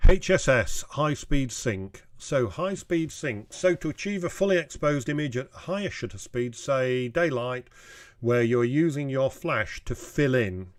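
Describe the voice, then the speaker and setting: A middle-aged man, a camera club president, explaining photography to club members in a plain, measured way with pauses and restarts. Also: mid-range voice, lively intonation, no echo, studio quality.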